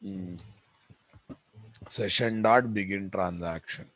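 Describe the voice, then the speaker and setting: Low-voiced Telugu-accented male coding instructor. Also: slow pace, fairly bright tone, slight background noise. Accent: Telugu Indian. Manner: repeats phrases, addresses students directly. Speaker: programming instructor. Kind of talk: live coding lesson, dictating code aloud.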